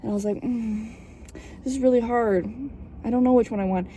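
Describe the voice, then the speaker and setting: A young adult vlogger talks candidly in her car, a little theatrical and full of swearing. Her fairly high, dark-toned voice is brisk with fairly even intonation, over background noise inside the car.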